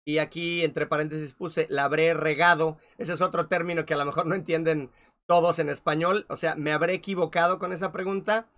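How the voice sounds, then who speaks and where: A man's voice: fairly high pitch, fairly even intonation, fairly quick, a bit bright. A man with a Mexican accent reading a personal story aloud, breaking off for casual asides. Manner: conversational, frequent "¿no?" and "o sea" asides. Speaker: storyteller reading his own old writing.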